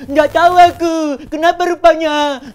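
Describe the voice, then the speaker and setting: A man's voice: very high-pitched, flat delivery, normal speed, voice pushed up. A man voicing a hurt, sulky young girl who complains in a whiny voice.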